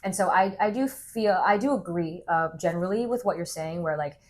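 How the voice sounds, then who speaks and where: Young woman, from the US, podcast co-host, reflective casual talk, lowish pitch. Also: brisk. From United States. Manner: thoughtful, reflective, agreeable. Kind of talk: casual chat.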